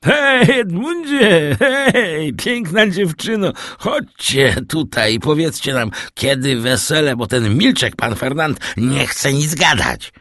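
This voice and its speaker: A man voicing a drunk, envious older man who talks in a loud, boisterous, slurred way and shouts across a distance. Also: on the high side, sing-song, slow pace, hardly any pauses, no room sound, clean studio sound, voice pushed up, heavily acted. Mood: drunken teasing.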